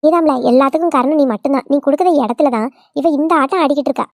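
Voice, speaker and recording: A woman's voice: high voice, racing, no room sound, clean studio sound, close to an everyday voice. A woman playing a nagging old village mother-in-law. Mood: scolding. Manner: nagging, scolding. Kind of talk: cartoon voice acting.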